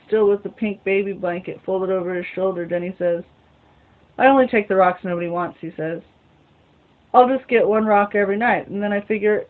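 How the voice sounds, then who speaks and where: Woman, novel reading, narration, thin phone-like sound. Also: mid-range voice. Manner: mutters asides to herself between passages. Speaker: reader. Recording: phone-like lo-fi recording.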